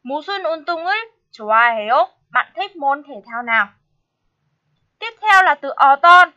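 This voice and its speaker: Woman language teacher, high bright voice, patient, lo-fi sound. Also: lively intonation, fast. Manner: patient, asks students rhetorical check questions. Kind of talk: classroom grammar explanation.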